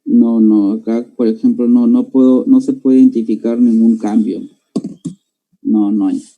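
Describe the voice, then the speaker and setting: Heard over phone-quality sound, a male teacher with a Peruvian Spanish accent gives an explanatory class lecture a little slowly. His medium-pitched voice stays fairly even, and he checks on students with "¿no?" while speaking to them directly.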